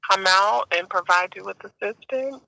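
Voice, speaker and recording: A man's voice: sits high, moderate pace, gravelly, bright, forceful tone, dry recording, rough recording. A man taking a crisis line call, offering brief acknowledgements and tentative questions. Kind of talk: question-and-answer phone support.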